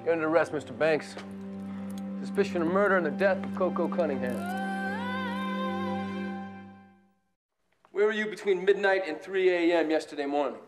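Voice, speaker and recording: Stern police detective played by a man, higher-pitched. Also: quick pace, over music, natural voice. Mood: stern, pressing. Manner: stern, interrogating. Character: stern male police sergeant grilling a suspect. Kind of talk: TV crime drama acting.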